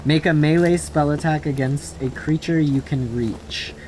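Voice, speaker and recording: A man running a tabletop game as dungeon master, relaxed and casual, laughing often and filling his scene descriptions with ums. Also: on the high side, unhurried, a little hiss or hum.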